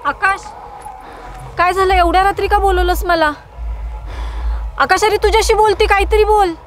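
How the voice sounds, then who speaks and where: A woman's voice: very high-pitched, steady tone, normal speed, soft background music. An actress playing Sheetal, a young woman who pleads and defends herself to her partner.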